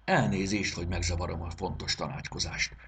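A man voicing a courteous, fretful old female pocket watch in a storybook reading, with a very husky voice. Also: low voice, steady tone, a bit bright, exaggerated voice. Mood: wistful. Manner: courteous and apologetic, fussy about her springs.

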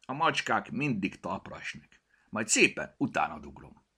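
A man's voice: lowish voice, sing-song, sharp tone, slightly rough, pitched above the performer's own voice, heavily acted. A man voicing a cautious, timid talking cat in a storybook reading, with worried, nagging warnings. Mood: grudging.

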